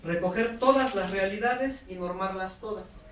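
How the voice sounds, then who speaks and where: A man giving a lively workshop lecture to teachers, putting questions to the audience. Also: sits high, measured pace. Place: lecture hall. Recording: roomy hall audio from far off, faint noise.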